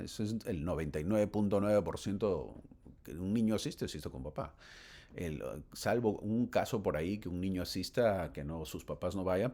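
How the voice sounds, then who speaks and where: A man's voice: low-pitched, gravelly, a little mellow. A man teaching a church scripture class, telling a story in a chatty, rambling way and laughing as he goes. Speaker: church Sunday school teacher. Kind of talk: conversational scripture lesson with anecdote.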